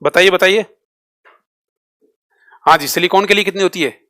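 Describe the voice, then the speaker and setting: Guy teaching online, keeps asking the same question over n over, bit high voice. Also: bright, forceful tone. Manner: drills students with repeated quick questions; switches between Hindi and English terms. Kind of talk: live online class quiz.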